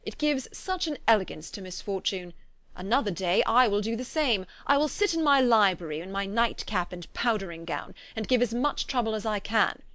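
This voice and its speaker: A woman reading the part of a dry, teasing older gentleman, a father who speaks slowly and mock-sternly. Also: mid-range voice, animated, dry recording. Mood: wry.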